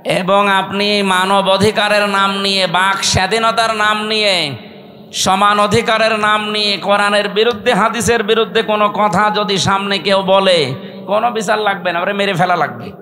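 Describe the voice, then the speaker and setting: A man's voice: high-pitched, fairly even intonation, moderate pace, bright, forceful tone. A Bangladeshi man preaching an Islamic sermon over a PA system, exhorting listeners with rhetorical questions and calls for a response. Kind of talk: fiery sermon addressed to a crowd.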